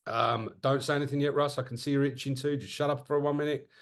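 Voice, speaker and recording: A man co-hosting a casual podcast, talking in quick, joking bursts. He trips over his own sentences and restarts them. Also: medium pitch. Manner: animated, self-interrupting, jokey. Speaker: podcast co-host. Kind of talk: casual market chat.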